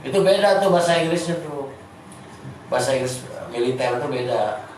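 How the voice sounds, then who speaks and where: A man with a Sundanese accent teaching an informal class, chatty and halting, often repeating words. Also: medium pitch, expressive, a little mellow. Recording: echoey room, distant mic, faint noise.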